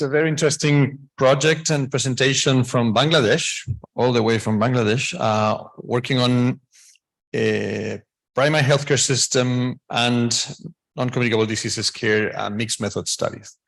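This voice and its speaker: A man chairs a conference session and introduces the next speaker. He sounds polite and a little apologetic, and his voice sits at a middle pitch. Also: steady tone, unhurried, vocal fry.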